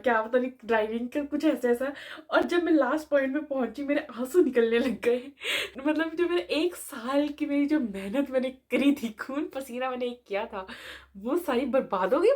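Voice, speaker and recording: Young female vlogger, medical student, chatty storytime, fairly high voice. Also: darkish tone. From India. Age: young adult. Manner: chatty, mixing Hindi and English. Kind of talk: casual storytime vlog.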